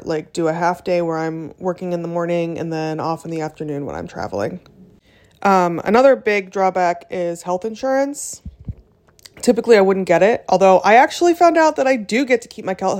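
Podcast host, young woman, lower-pitched, rambling and candid, lots of filler words. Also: a little mellow. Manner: chatty, frequent ums and likes, self-deprecating laughs. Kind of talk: casual solo podcast talk.

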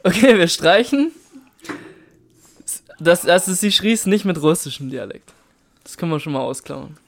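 A man's voice: high voice, expressive, moderate pace, vocal fry. A man acting as quiz master on a podcast, reading questions aloud in a matter-of-fact, dry way.

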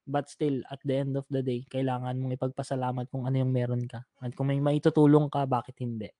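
A Filipino man hosting a casual talk show, speaking earnestly and haltingly to listeners. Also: mid-range voice, little pitch movement, mellow, no room sound, clean studio sound. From Philippines. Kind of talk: casual chat with listeners, Tagalog mixed with English.

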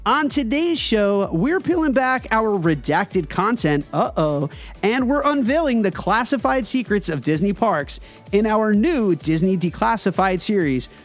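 A man hosting a podcast, moving between upbeat announcing and casual chat. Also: high-pitched. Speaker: podcast host.

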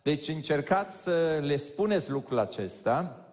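A man preaching in a large church hall, with long reverb trailing after his words. His voice sits a little high and swings widely in pitch. He jokes and talks straight to the congregation. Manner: lively, joking, addresses the audience directly. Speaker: pastor. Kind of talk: conversational sermon to a congregation.

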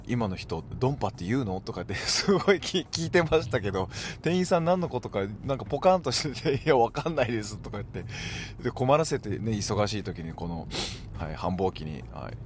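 Hokkaido guy doing his solo podcast, lowish voice, swoops up and down a lot, chatty. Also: lively intonation, fairly quick, slight background noise. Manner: chatty, dotted with "hai" affirmations. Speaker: podcast host. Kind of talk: casual solo podcast chat.

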